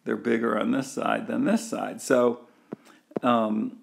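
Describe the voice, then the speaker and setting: Male lecturer, unhurried delivery, gravelly husky tone, talks through diagrams with fillers. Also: medium pitch, steady tone, slight background noise. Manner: thinks aloud with many fillers and restarts, walking through a diagram. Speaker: engineering lecturer. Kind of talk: recorded university lecture.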